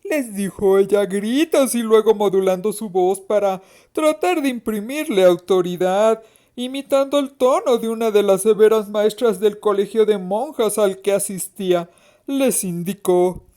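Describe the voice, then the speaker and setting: A woman narrating a mystery story in a slow, expressive, suspenseful reading. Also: mid-range voice.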